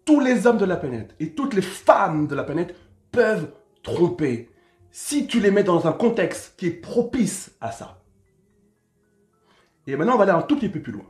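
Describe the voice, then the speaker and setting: A man's voice: high-pitched, normal speed, pauses often, faint music behind. Man, relationship coach, French accent, slangy casual monologue, roomy echo. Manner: animated, slangy, addresses viewers directly.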